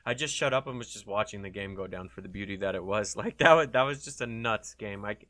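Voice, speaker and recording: An esports caster with a lowish, sharp-toned voice talks fast while commentating a live strategy game match. His casual, chatty delivery is loose, and he swears freely.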